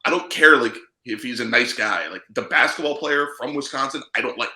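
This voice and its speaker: Sarcastic male sports podcast co-host, bright forceful voice, roomy echo around him. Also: medium pitch, a little fast. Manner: blunt, sarcastic, opinionated. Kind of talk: casual sports chat.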